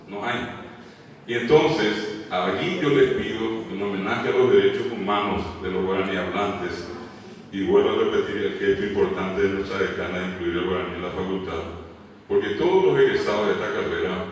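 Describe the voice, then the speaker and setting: A man's voice: low-pitched, a little hiss or hum. A man from Paraguay with a Paraguayan Spanish accent gives a symposium lecture in a university hall and acts out how people mispronounce words. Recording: echoey hall mic from far off.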